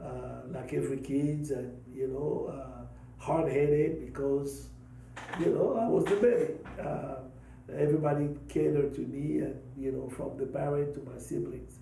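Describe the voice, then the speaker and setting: A man in his fifties from Congo, a pastor and podcast host, telling his life story slowly and hesitantly, with many pauses and fillers. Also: mid-range voice, gravelly, warm tone, echoey room, distant mic, slight background noise, rough recording. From Democratic Republic of the Congo. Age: 50s. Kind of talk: personal testimony talk.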